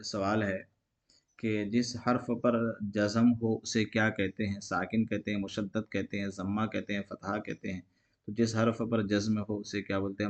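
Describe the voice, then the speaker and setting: A man teaching an exam-prep grammar lesson, asking each question aloud and answering it himself in a repetitive call-and-response way. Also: on the low side.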